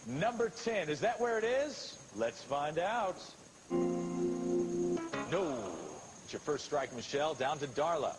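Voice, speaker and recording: An American man hosting a televised game show with smooth patter and drawn-out suspense. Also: on the high side, very animated, loud music behind the voice. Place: television studio with audience. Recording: noisy old TV broadcast tape.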